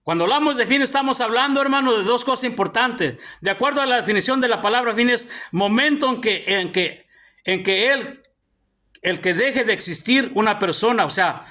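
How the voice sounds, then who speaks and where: Preaching to a church-hall congregation, a male pastor speaks in a very high, bright, forceful voice, animated and a little fast. Again and again he calls his brothers "hermano".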